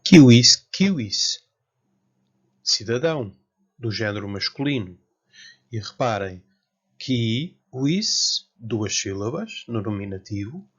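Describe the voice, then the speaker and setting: A man from Portugal with a European Portuguese accent, giving a careful, slow lecture as a Latin teacher. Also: on the low side, expressive, fairly bright tone, breathy edge. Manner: slow, careful, spells out word forms. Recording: dull lo-fi sound.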